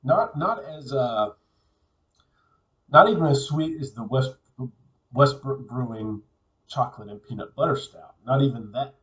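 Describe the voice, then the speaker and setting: A man casually reviewing a beer on his own, relaxed and musing, often repeating words as he thinks aloud. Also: medium pitch, measured pace, long pauses, far from the mic, poor audio.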